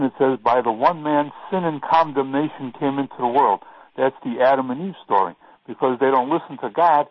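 A male radio caller speaking over a tinny tin-can phone line, quoting scripture and pausing often with "you know". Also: mid-range voice, no echo. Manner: halting, many "you know" fillers. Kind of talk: casual call-in talk, quoting scripture.

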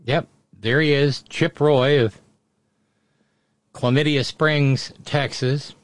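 A man's voice: mid-range voice, slow pace, dry recording. A man hosting casual live political commentary in a sardonic, mocking manner. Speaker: host of political commentary show.

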